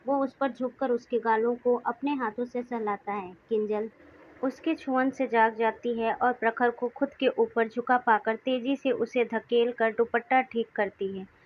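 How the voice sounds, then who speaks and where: Woman storyteller, scripted narration, fairly high pitch, dull lo-fi sound. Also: unhurried. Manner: reads all characters in a mostly even narrating voice. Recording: dull lo-fi recording.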